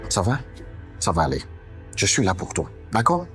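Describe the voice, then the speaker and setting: An actor playing a smooth-talking younger brother in a TV drama, speaking French with a West African accent, coaxing and soothing his sister. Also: fairly low pitch, big pitch swings, slow, faint music behind. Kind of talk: TV drama dialogue.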